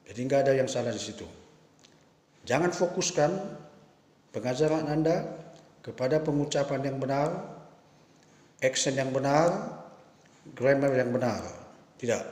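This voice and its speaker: Male lecturer, emphatic, mid-pitched, recorded in a reverberant hall. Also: darkish tone. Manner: emphatic, rhetorical questions. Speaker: professor giving a talk. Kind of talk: spoken lecture to teachers. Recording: echoey room with long reverb.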